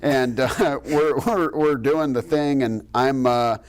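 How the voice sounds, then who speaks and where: A man who hosts a local TV news show, telling a lively, self-deprecating anecdote in casual studio chat. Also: mid-range voice, takes it slowly. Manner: animated storyteller, self-deprecating, laughs as he talks. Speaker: TV news host.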